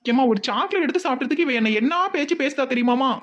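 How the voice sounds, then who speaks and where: Cartoon casting: sassy, fast-talking village daughter with a Tirunelveli accent, dull lo-fi sound. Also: female voice, sits high, expressive. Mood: defiant. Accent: Tirunelveli Tamil. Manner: cheeky, quick talking back. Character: sassy young village woman, elder daughter.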